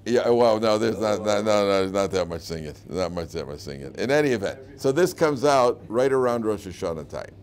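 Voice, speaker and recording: A man's voice: lowish voice, lively intonation, fairly quick, few pauses, darkish tone. A man speaking as a rabbi giving an informal Torah lesson, emphatic and questioning, repeating key phrases and often answering his own questions. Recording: clearly noisy room recording.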